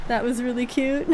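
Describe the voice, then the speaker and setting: A woman's voice: a little high, a little mellow, a little hiss or hum. A young adult woman chatting casually while streaming a video game, rambling and often giggling. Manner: giggly, rambling, frequent laughs. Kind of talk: casual gameplay chat.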